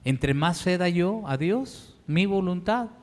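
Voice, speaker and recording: A man's voice: high-pitched, animated. A man with a Mexican Spanish accent, a pastor preaching a sermon in an earnest, pleading way in a church. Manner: earnest, pleading, slow deliberate delivery. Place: church sanctuary. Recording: long hall reverb.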